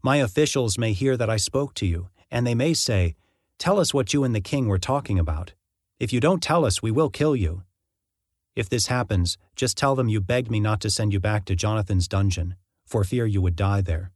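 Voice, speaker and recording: A man voicing King Zedekiah, a frightened and secretive ancient king who speaks in uneasy, hushed pleas. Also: lowish voice, normal speed, no echo, studio quality, lightly acted.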